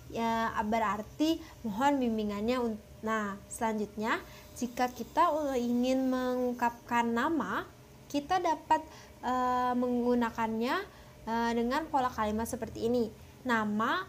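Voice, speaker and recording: A young woman from West Java teaches a lesson in a fairly high voice. She explains step by step, often pausing with hesitant filler sounds. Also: slight background noise. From West Java, Indonesia. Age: young adult. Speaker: language teacher.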